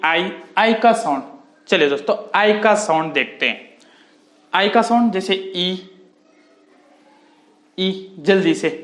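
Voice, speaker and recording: A man, teaching English vowel sounds in a slow lesson and repeating each word with "okay" and "friends". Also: high-pitched, a bit bright, roomy sound. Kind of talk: spoken phonics lesson.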